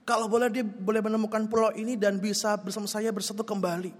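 A man's voice: high voice, flat delivery, fast talker, pitched above the performer's own voice. A preacher voicing a shipwrecked man who pleads to God and then smugly defends himself, in a whiny, indignant tone, with long church reverb. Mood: pleading.

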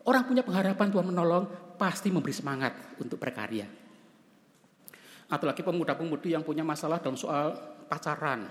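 Male pastor, lively emphatic sermon, slightly high voice in a reverberant church. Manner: animated, emphatic, joking.

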